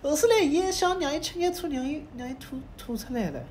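A woman with a Shanghai accent voicing a chatty, excitable young friend in a comic sitcom dub. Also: sits high, fast talker, heavy background noise. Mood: animated storytelling.

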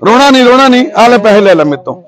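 Coaxing man with a lively voice. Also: very high voice, fast, over a noisy crowd. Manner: coaxing, soothing, repetitive reassurance. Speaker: charity volunteer caring for an elderly woman. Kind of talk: candid conversation.

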